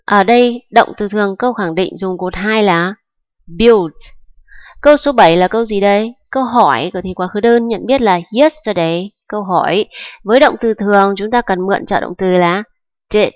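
A woman's voice: medium pitch, normal speed, dry recording. Woman teacher going through grammar rules step by step, patient, keeps checking you follow, dry close sound. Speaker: English teacher. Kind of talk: grammar lesson explanation.

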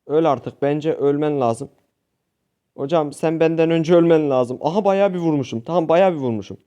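A young man commenting live on his own gameplay for his channel, animated, talking to viewers and shouting at teammates. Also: fairly high pitch, normal speed, smooth, muffled recording. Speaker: gaming youtuber.

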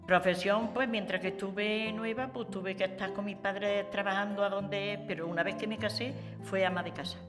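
A woman's voice: medium pitch, fairly even intonation, normal speed, few pauses, big-room sound, music in the background. A woman, plainly recalling her life in an interview at home. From Andalusia, Spain. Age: 80s. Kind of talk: reminiscing interview. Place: living room at home.

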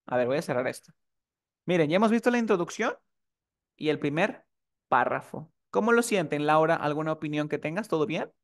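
A man's voice: fairly high pitch, lively intonation, brisk. A man teaching English in a live online class, often asking the students if they are following. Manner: asks the class frequent checking questions.

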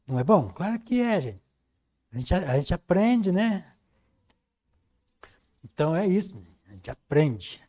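Brazilian male painting teacher, talkative storyteller, mellow tone. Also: high-pitched, very animated, unhurried, pauses often. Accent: Brazilian Portuguese. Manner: chatty, storytelling, reads viewer comments. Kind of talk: live-stream painting lesson.

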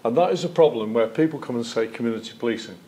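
An older man who once served as police chief sits at a desk in a lecture theatre, giving evidence as a witness. He tells anecdotes with animated hand gestures, his mid-range voice racing along.

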